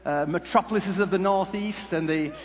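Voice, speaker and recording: This conference speaker has a high voice and entertains the crowd with stories, rambling and pausing as he jokes. He uses a headset mic in a big hall, where the PA audio echoes and carries some background noise.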